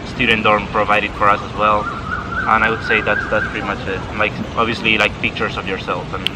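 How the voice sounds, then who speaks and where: A young adult exchange student from Spain chats casually, sprinkling "like" throughout his speech. His voice is fairly low-pitched and level, delivered a little quickly, while traffic and boats can be heard outdoors.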